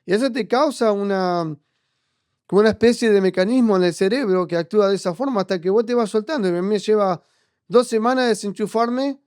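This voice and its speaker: A man's voice: sits high, brisk, a little mellow, clean tone, no room sound, clean studio sound. A man with an Argentine accent hosting a podcast interview, speaking in a reflective, hesitant way with frequent restarts. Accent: Argentine Spanish. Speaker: podcast host. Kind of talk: conversational interview.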